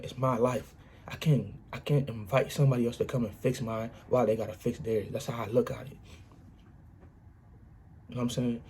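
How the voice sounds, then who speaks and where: Guy giving a chill motivational talk, earnest, repeats himself a lot, kinda mellow dark voice, faint hum behind. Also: medium pitch. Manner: earnest, repetitive, punctuates with "you know what I'm saying"; informal grammar, restarts. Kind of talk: casual motivational monologue.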